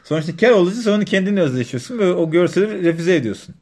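A man's voice: high voice, expressive, rapid-fire, a little mellow. A man co-hosting a radio show, chatting casually and laughing often with his partner. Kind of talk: casual banter on air.

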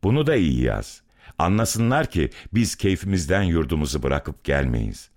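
A man's voice: deep voice, big pitch swings, moderate pace, darkish tone. A man voicing a bitter, angry young brick-kiln worker who is far from home, in a dramatic story reading. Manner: bitter, accusing, heated.

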